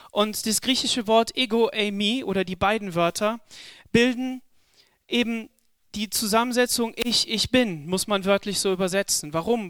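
A male preacher delivering a sermon with a high, smooth, resonant voice. He talks slowly and with emphasis, doubling words to drive each point home. The sound is dry, with no room echo. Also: fairly bright tone. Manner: slow, emphatic, repeats words for stress.

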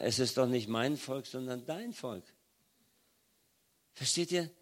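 An older man giving a sermon in a natural, mid-pitched voice. He tells his story with feeling, swelling loud on key points and sinking quiet for tender moments. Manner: emotional storytelling, acts out pleading children softly. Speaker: preacher. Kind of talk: sermon testimony.

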